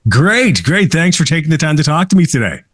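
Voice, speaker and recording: A man's voice: on the high side, big pitch swings, a little fast, fairly bright tone. Upbeat male rock podcast host. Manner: upbeat, chummy host patter. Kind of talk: radio podcast hosting.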